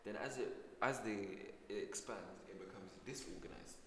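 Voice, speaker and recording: A man's voice: fairly low pitch, moderate pace, a little hiss or hum. A teenage boy chatting casually as a student podcast co-host, rambling and playful, with frequent restarts. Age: teens. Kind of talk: casual chat. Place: school room. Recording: echoey room with long reverb.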